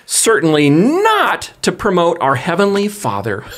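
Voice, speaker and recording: A man voicing an indignant, pious woman letter writer, reading slowly and solemnly. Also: high voice, huge pitch swings, noisy background, pitched above the performer's own voice, exaggerated voice. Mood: reproachful. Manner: slow, solemn and reproachful.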